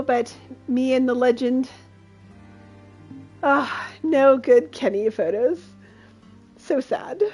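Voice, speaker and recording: A woman's voice: on the high side, a little mellow, poor audio. A woman streaming a video game, chatting with her audience and laughing often in delight. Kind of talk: live game commentary.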